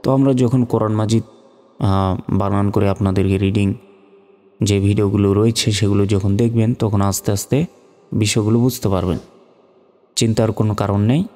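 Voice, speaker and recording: Mellow, flat-voiced man teaching spelling. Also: fairly low pitch, fairly quick, long pauses, in a large hall, soft background music. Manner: spells out letters and vowel marks syllable by syllable. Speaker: Quran reading teacher. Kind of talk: step-by-step spelling lesson.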